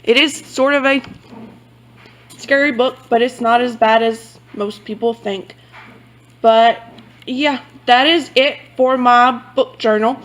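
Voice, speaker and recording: A woman's voice: a little high, low-quality recording. A woman giving a casual, rambling show-and-tell of her book journal, often correcting herself as she goes. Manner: rambling, self-correcting, loose and chatty. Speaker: book vlogger.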